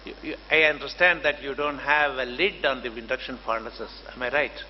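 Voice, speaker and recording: An older man with an Indian accent gives a formal conference lecture as a professor, speaking courteously in a halting, deliberate way. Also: medium pitch, fairly even intonation. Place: large conference hall. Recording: dull, noisy hall microphone, long reverb.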